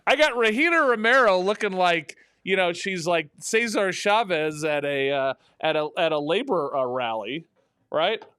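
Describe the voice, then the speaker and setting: Talk host, male, high lively voice, sarcastic rambling rant, dry studio sound. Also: moderate pace, clean tone, no echo. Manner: animated, rambling, sarcastic, with many restarts. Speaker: radio talk show host. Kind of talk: opinionated political talk.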